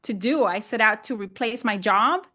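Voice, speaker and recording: As a land investor guesting on a podcast, this middle-aged woman from Honduras, whose first language is Spanish, speaks in a conversational way, frequently restating and rewording herself. Her voice is on the high side, expressive, pushed and bright, at a moderate pace.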